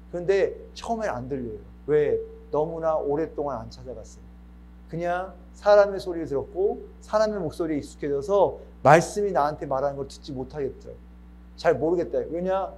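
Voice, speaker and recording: A man preaching a sermon at a church service, telling personal stories and acting out little dialogues. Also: on the high side. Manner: animated storytelling, acting out dialogue. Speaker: missionary preacher.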